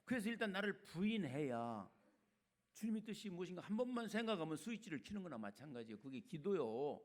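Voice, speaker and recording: An older man preaching a sermon as a retired senior pastor, colloquial and chatty, swinging between loud emphatic lines and quiet asides. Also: sits high, sing-song, fairly quick.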